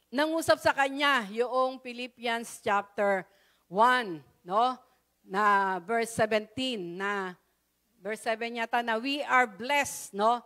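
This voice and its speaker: A Filipino woman with a high-pitched voice preaches a church sermon in a storytelling way. She keeps checking in with her listeners through short tag questions and mixes English phrases into her Tagalog. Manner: frequent "no?" tag questions, warm storytelling with rising excitement. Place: church service.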